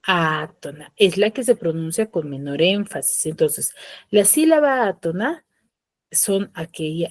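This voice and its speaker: A woman teacher with a lowish, somewhat mellow voice lectures in an online class, patiently explaining, repeating key terms, and checking that students follow. The low-quality recording has no room sound and comes from a computer mic on a video call.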